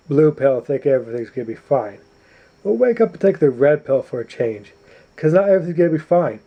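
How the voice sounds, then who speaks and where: A man giving a preachy, emphatic political rant to camera at home at night, clearing his throat often. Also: high voice, muffled recording. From United States. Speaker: YouTuber. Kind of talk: opinionated political vlog rant.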